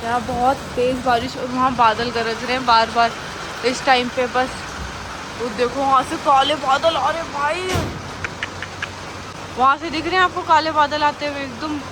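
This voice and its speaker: A woman's voice: high voice, fairly even intonation, normal speed. A woman who runs an animal shelter, chatting casually to her viewers and speaking with care so she doesn't trip over her words. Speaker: animal rescuer running a shelter. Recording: noisy phone recording with rain behind.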